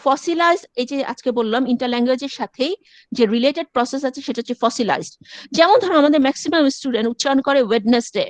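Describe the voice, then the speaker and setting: Woman lecturer, high voice, dry close sound, step-by-step teaching with English asides. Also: expressive, fast, no echo. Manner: explains step by step, mixing in English phrases. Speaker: university lecturer. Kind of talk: classroom lecture.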